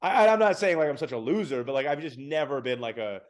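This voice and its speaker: A man's voice: medium pitch, very animated, quick pace. A man in his thirties co-hosting a music podcast, chatting casually with many fillers and self-deprecating asides. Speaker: podcast co-host. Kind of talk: casual chat.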